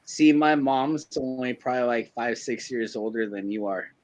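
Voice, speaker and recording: Thirties male, casual podcast co-host, rambling, profane, excitable delivery. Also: mid-range voice, moderate pace. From California. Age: 30s. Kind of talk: casual chat.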